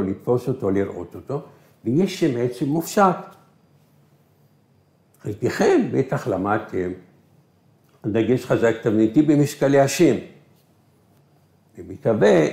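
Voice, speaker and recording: A man's voice: mid-range voice, darkish tone. Man teaching a grammar lesson in an echoey room. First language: Arabic. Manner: asks questions and answers them himself, with slow stressed words. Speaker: Hebrew teacher. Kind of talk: recorded remote grammar lesson.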